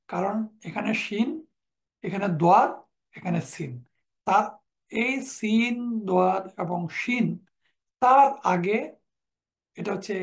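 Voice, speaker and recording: A man's voice: sits high, gravelly. A man teaching Quranic Arabic in a recorded lecture, reciting verb forms one after another and quoting Quran verses in between.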